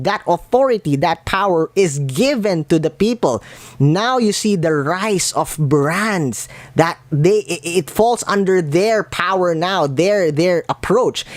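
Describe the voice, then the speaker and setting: A woman in her thirties with a Filipino accent, a branding coach speaking in an animated, emphatic podcast conversation. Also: lowish voice, no room sound. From Philippines. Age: 30s. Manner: animated, emphatic repetition, playful.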